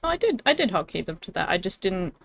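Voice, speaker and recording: A woman's voice: mid-range voice, very animated, fast talker, creaky, fairly bright tone, slight background noise. Bubbly giggling young woman streamer. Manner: bubbly and giggly, many fillers. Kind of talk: casual live-stream chat.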